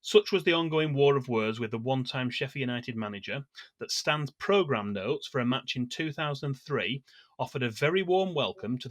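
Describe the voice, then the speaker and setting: Steady man reading football history. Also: mid-range voice, no echo, clean studio sound. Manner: measured, steady delivery of scripted match history with small hesitations. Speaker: podcast co-host. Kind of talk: football fan podcast, reading prepared notes.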